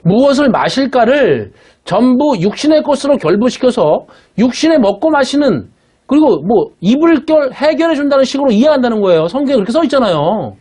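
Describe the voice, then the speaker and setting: A man's voice: very high voice, sing-song, brisk, a little mellow, breathy edge. A man preaching a sermon as pastor, emphatic and blunt, often asking the congregation "예?" to check they follow. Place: church worship room.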